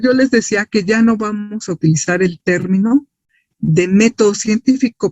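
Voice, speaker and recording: A high-voiced man with a darkish tone and a Mexican accent lectures as a science teacher, asking rhetorical questions and answering them himself while checking for agreement with tag questions. The sound is dry, dull, and lo-fi.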